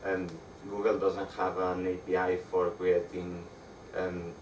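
A young man with a Spanish accent giving a meetup tech talk with slides, speaking haltingly with frequent restarts. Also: sits low, monotone, a little mellow. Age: young adult. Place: dark room with projector screen. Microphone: far camera. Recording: echoey room, distant mic, audible background noise.

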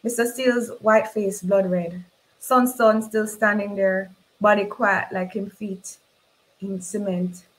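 Woman author, own novel read aloud, slow and measured, mid-pitched voice. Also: steady tone, poor audio. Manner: slow, measured reading in dialect.

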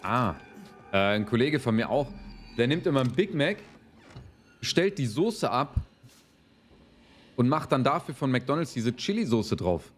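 A man's voice: mid-range voice, very animated, measured pace, long pauses, slight background noise. A man giving casual gaming commentary as he plays, rambling in slangy, sweary language. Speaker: let's player. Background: game music.

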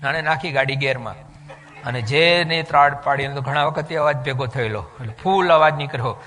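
A man giving a devotional sermon in an animated storytelling way, slipping English phrases into his talk. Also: mid-range voice, brisk, big-room sound, a little hiss or hum. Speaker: religious speaker giving a discourse.

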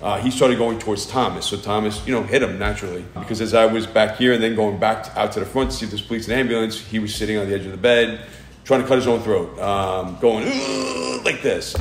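A middle-aged man, a grieving father, recounting events in an interview, rushing and agitated, acting out what others said. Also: on the low side, a little hiss or hum. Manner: fast, agitated storytelling, acting out quotes. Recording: roomy recording with faint background ambience.

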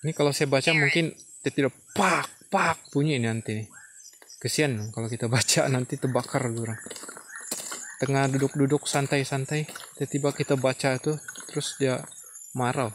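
A man vlogging a ghost hunt outdoors at night. He talks excitedly to his viewers and sometimes drops to a hushed murmur. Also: medium pitch, moderate pace, slight background noise. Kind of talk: night exploration vlog.

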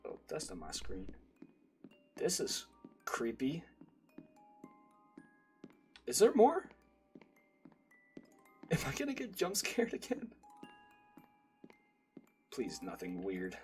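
A man's voice: mid-range voice, wildly swooping pitch, slow, pauses often, a little mellow. A young man hosting a horror game let's play, chatting casually, swearing and getting scared. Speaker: gaming channel host. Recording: game music playing under the voice.

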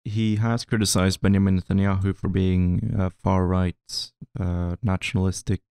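A man's voice: low-pitched, flat delivery, moderate pace, a little mellow, clean tone, no room sound. A man co-hosting a podcast, talking politics in a casual, hesitant way with dry jokes. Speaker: podcast co-host.

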